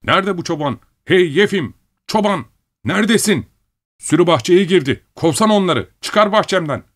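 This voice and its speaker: A man voicing an impatient, bossy middle-aged landowner who shouts and scolds his workers. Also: medium pitch, a little fast, voice pushed up, natural voice. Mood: shouting angrily.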